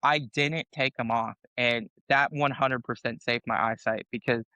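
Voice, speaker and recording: A man with a bright, forceful voice tells a rowdy army story with profanity and laughter. The sound is dry and a little dull. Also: mid-range voice, fairly even intonation, moderate pace, smooth, no room sound. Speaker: podcast guest, Army veteran. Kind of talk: casual storytelling.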